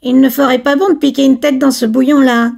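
A woman's voice: high-pitched, steady tone, fairly quick, gravelly, darkish tone, voice pushed up, heavily acted. Woman doing a nervous, boastful young clerk. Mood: mocking. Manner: teasing, nervous bravado.

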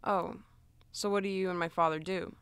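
A woman's voice: lowish voice, fairly even intonation, moderate pace, fairly bright tone, smooth, no echo. A woman voicing a timid, downbeat young waitress. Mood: subdued.

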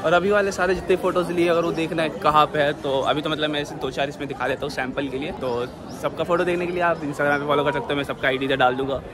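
A man's voice: fairly high pitch, fairly even intonation, quick pace, few pauses, crowd noise. A young man in his twenties casually narrating a travel vlog, talking loosely and straight to the viewers, filmed on a phone held at arm's length. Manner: chatty, loose and informal, addressing viewers directly. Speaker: travel vlogger. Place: outdoors at a hilltop temple and viewpoint, also indoors in a hotel and a mall. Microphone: phone camera at arm's length. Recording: loud outdoor noise behind the voice.

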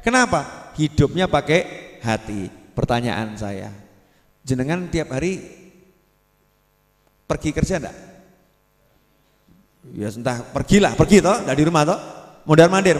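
A man's voice: fairly high pitch, moderate pace, pauses often. A man preaching a sermon, asking the crowd questions and drawing out his words. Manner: lively, asks the crowd questions and draws out words. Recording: long hall reverb.

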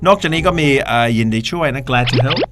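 A man's voice: mid-range voice, fairly quick, over loud music. A man co-hosting a radio English lesson, explaining English phrases in Thai. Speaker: radio English teacher and co-host.

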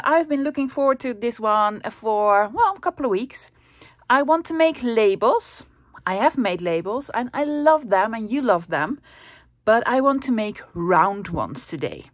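A Dutch woman from the Netherlands, with a fairly high voice, hosts a crafting channel with a casual, chatty, self-deprecating tutorial. She's coming down with a cold, slightly under the weather and clearing her throat. The sound is clean studio quality with no room sound.

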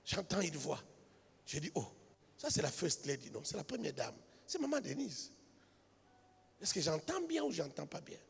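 A man preaching a sermon as a pastor, telling a story quietly and then building up to shouted, half-sung exhortation. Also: on the high side, very animated, normal speed, vocal fry, pauses often, slightly rough. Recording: reverberant hall with music behind.

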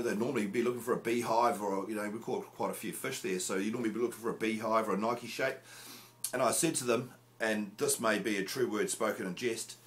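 A man, hosting a casual fishing gear review in a small room, chatty and jokey with lots of filler "uh"s. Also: lowish voice. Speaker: fishing show host. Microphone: camera close up at arm's length.

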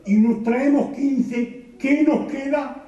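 A man with a La Mancha Spanish accent telling quick stand-up jokes to a live audience, jumping into high voices for the characters. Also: steady tone, background noise. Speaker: stand-up comedian. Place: stage in a hall. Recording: roomy, distant, dull live recording.

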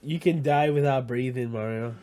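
A man's voice: medium pitch, warm tone. A young man with a drippy nose from being sick, chatting and laughing often over voice chat while gaming, talking into a headset. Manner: laughs often, slow and drawling. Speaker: gaming channel host. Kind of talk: casual game-chat banter.

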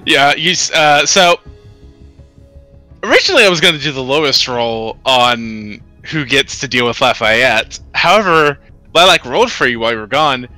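A man's voice: mid-range voice, animated, normal speed, bright, forceful tone, no echo, faint music behind. A man casually narrating a tabletop role-playing game among friends.

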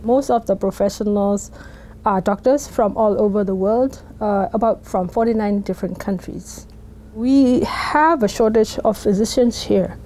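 Middle-aged woman, program coordinator, earnest and emphatic, mellow tone. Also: mid-range voice, measured pace, a little hiss or hum, rough recording. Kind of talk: documentary interview. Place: indoor office.

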